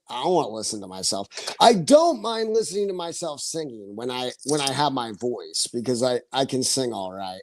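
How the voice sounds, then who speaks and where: A man's voice: mid-range voice, no echo. A man in his forties chatting casually on his livestream, rambling, laughing often and swearing freely. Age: 40s. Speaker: livestream host.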